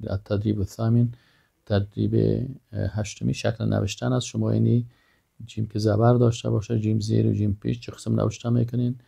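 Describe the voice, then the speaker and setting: An older man teaches a vocabulary lesson in a low, dark voice full of gravelly fry. He pronounces each term carefully and repeats it before he explains it. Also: little pitch movement. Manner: slow, repeats each word and then gives its meaning. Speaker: Arabic teacher. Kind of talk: vocabulary lesson, word then translation.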